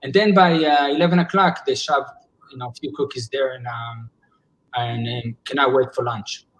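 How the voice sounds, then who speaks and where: A man's voice: mid-range voice, steady tone, moderate pace, low-quality recording. A man in his forties, a psychologist, talking earnestly on a video call, often restarting his sentences as he searches for words. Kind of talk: casual video call discussion. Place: indoors at home. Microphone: laptop webcam on a video call.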